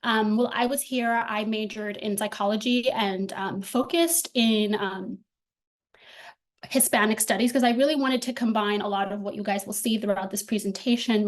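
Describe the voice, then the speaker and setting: A young woman from the Dominican Republic, a doctoral student giving an academic talk over a video call, friendly and full of filler ums. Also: medium pitch. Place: indoor room at home. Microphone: laptop webcam on video call.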